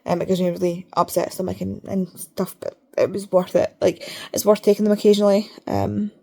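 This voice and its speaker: A woman's voice: medium pitch, level tone, brisk, vocal fry, dark tone. A woman vlogger chatting casually, talking with her mouth barely open and rambling, repeating herself for emphasis. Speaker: reading vlogger. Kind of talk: casual chat to camera.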